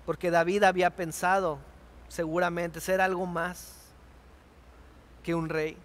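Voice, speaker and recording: A male pastor with a Mexican Spanish accent preaching a sermon, swinging between impassioned outbursts and hushed, quiet passages. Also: sits high, level tone, measured pace. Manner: impassioned, rises to near shouting on quoted laments then drops to hushed.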